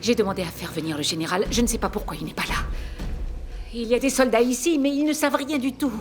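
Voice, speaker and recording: A woman's voice: a little high, quick pace, natural voice. An actress dubbing a tense woman at a wounded man's bedside who speaks urgently. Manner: urgent, soothing by turns. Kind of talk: dubbed telenovela acting. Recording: music playing underneath.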